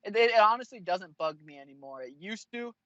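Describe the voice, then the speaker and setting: A man's voice: high voice, animated, fairly quick, fairly bright tone, dry recording. Blunt, profane young man with muffled audio. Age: 20s. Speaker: fighter, interview guest. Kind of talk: casual interview answers.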